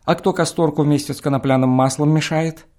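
A man's voice: fairly high pitch, steady tone, brisk, a little mellow, pitched above the performer's own voice, natural voice. A man voicing a slightly drunk, scornful country medic who mocks and accuses. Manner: mocking, accusing.

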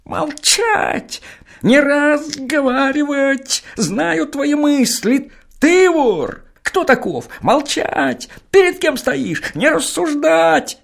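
A man voicing a furious, bullying gendarme who barks questions in a shrill, piercing voice. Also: lively intonation, very slow, vocal fry, fairly bright tone, full character voice. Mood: raging. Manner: shrill barked interrogation.

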